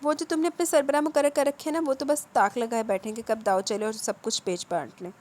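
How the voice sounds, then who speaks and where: A woman reading a kind middle-aged aunt who gently talks sense into a young woman. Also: fairly high pitch, steady tone, natural voice. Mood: gentle coaxing. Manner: gentle, coaxing advice.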